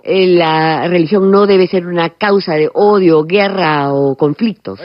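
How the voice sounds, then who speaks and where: An interpreter giving a live rendering of a formal political speech, halting phrase by phrase and correcting slips along the way. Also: medium pitch. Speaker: simultaneous interpreter. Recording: dull, lo-fi broadcast audio.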